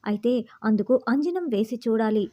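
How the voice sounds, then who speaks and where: Woman narrator doing a pompous fake swami, solemn and grand, higher voice, mellow, dull recording. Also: expressive, moderate pace, natural voice. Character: fake holy man, pompous male swami.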